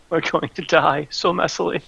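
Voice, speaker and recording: A man playing in an online tabletop game, joking and laughing at his own dark jokes. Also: on the high side, creaky, breathy edge, highs cut off. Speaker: player. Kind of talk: casual game chat.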